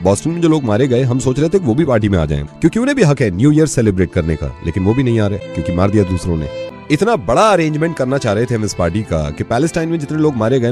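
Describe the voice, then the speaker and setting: Animated man hosting a radio prank call. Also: medium pitch. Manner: scolding, then somber and lecturing.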